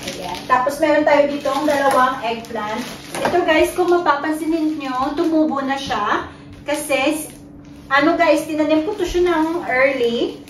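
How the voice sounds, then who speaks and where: A woman's voice: high voice, echoey room, recorded from a distance. A woman chatting casually in a home vlog from her garden, switching between Tagalog and English and cooing to her toddler. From Philippines. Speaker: mother vlogger.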